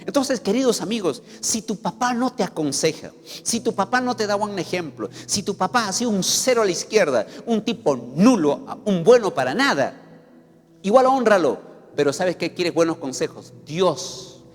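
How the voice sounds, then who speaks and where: A man's voice: big pitch swings, normal speed. A male pastor preaching a sermon, emphatic and acting out little scenes. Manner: emphatic preaching, sweeping pitch, acts out scenes. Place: church hall. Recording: reverberant church hall with faint music.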